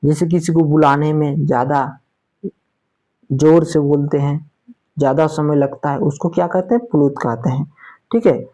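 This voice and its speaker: Speaking with a dark tone at medium pitch, a Sanskrit teacher walks through a grammar lesson. The teacher keeps saying "theek hai" to check in, answers their own questions, and lingers slowly over example sounds.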